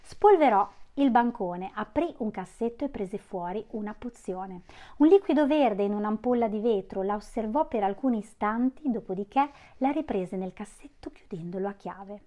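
A woman's voice: mid-range voice, expressive, moderate pace, mellow. Woman reading a novel aloud. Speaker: audiobook reader.

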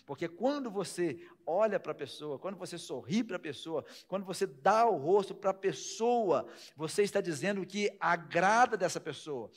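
A man with a Brazilian Portuguese accent preaching a sermon as pastor, swinging between loud emphasis and hushed asides and asking the congregation many rhetorical questions. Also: high voice, expressive, normal speed.

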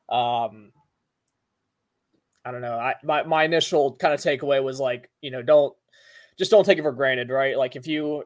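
A man with an average-pitched voice talks casually as a sports podcast host. He rambles in halting phrases, pausing often and padding his thoughts with you-knows. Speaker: golf betting podcast host.

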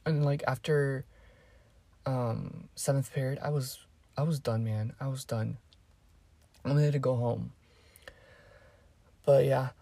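A teenage girl rambles through a story in a casual vlog, swearing freely and drifting into asides. Her voice sits low and has a husky grain. The sound is dry and close. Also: steady tone, slow pace, pauses often, warm tone, no room sound. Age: teens. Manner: rambling and profane, with fillers and asides. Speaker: vlogger.

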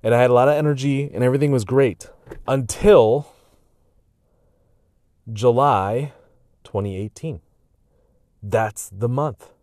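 A man's voice: medium pitch, a little mellow, dry recording, clean studio sound. A man talking casually to his viewers in a rambling, reflective way, tired and hiccuping, with many fillers and restarts. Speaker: vlogger. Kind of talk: casual personal monologue.

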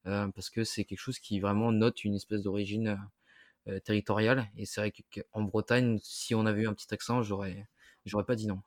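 Man from Brittany, podcast co-host, slightly low voice, dry close sound, chatty. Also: flat delivery, brisk, no room sound. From Brittany, France. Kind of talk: casual podcast chat.

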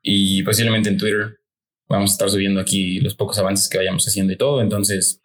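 A man's voice: low-pitched, level tone, a little fast. Laid-back Mexican man with a Mérida accent. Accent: Mérida, Yucatán Mexican Spanish. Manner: joking, teasing, laid-back. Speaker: podcast co-host. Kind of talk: casual chat.

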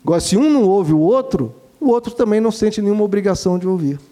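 High, mellow-voiced man advising parents. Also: animated, fast. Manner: gentle and didactic, calls listeners "dear ones". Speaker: father giving parenting advice. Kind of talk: earnest advice talk to listeners.

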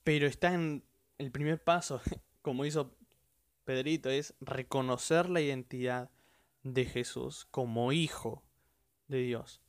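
A man's voice: mid-range voice, steady tone, unhurried, dry recording, studio quality. A man with a Rioplatense Spanish accent giving an earnest, emphatic devotional podcast teaching, repeating his key phrases. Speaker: podcast preacher.

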